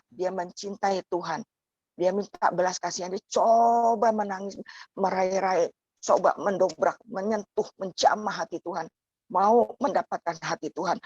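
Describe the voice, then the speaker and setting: A woman's voice: medium pitch, darkish tone, slightly rough, dry recording, lo-fi sound. A woman preaching a sermon in a conversational way. She often tags her phrases with a questioning "ya" and speaks straight to the congregation.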